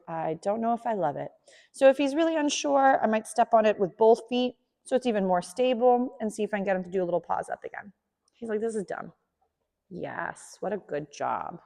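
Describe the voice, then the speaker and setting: A woman dog trainer giving a hands-on lesson, explaining calmly and softly praising the dog. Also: medium pitch, in a large hall.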